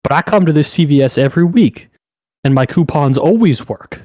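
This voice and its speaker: A man's voice: on the high side, animated, fairly quick, darkish tone, no room sound, lo-fi sound, voice pushed up. A man voicing a pushy older woman shopper who insists her coupons work, talking in an indignant, insistent way.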